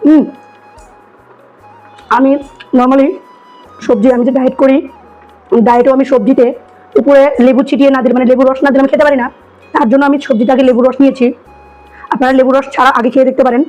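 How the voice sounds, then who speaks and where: A hoarse woman with a cold, chatting enthusiastically as she tastes food for her vlog. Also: high-pitched, level tone, fast, long pauses, a little mellow, faint music behind, low-quality recording. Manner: chatty, enthusiastic, repeats herself. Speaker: food vlogger. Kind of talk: casual food-tasting vlog.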